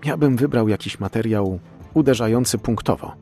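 A man's voice: mid-range voice, moderate pace, warm tone, faint music behind, lightly acted. A man voicing an eager young male police sergeant who answers earnestly in an audiobook.

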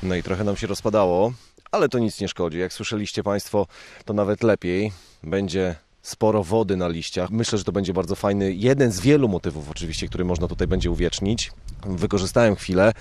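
Chatty male radio reporter, low voice. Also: fairly quick, darkish tone, no room sound. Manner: chatty, friendly, addresses listeners. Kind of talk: outdoor radio field report. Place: outdoors in a park in autumn rain.

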